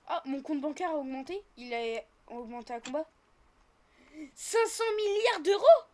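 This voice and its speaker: A woman improvises a roleplay while gaming, chattily narrating each action as it unfolds, as host of gaming roleplay videos. Her voice is high with a darkish tone. Slight background noise sits behind her.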